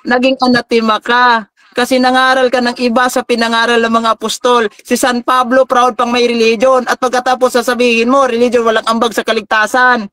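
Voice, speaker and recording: A high-voiced man delivers a combative debate rebuttal. He taunts and mocks his opponent and stops to read Bible verses aloud. The sound is dry and close, with no room echo. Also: fairly bright tone.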